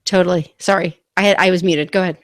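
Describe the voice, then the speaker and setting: A woman's voice: fairly low pitch, fairly even intonation, quick pace. A woman hosting a live online talk stream, chatting casually and rambling with restarts on a computer mic.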